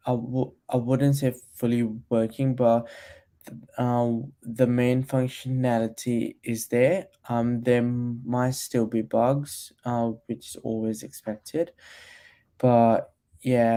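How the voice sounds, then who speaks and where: Slow-talking man with a mellow voice. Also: medium pitch. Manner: hesitant, restarts, reads chat aloud. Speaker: stream host mentoring a developer. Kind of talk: casual livestream chat.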